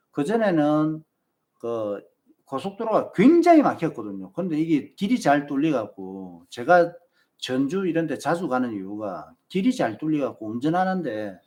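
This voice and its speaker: A man's voice: a little high, darkish tone. A man with a Busan Gyeongsang accent, hosting a marathon channel and chatting casually with viewers and giving them advice. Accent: Busan Gyeongsang Korean. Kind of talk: casual live-stream chat.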